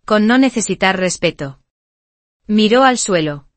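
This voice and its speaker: Woman narrator with a mid-pitched voice, dry close sound, steady storytelling. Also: a little slow, no echo. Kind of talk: first-person scripted story narration.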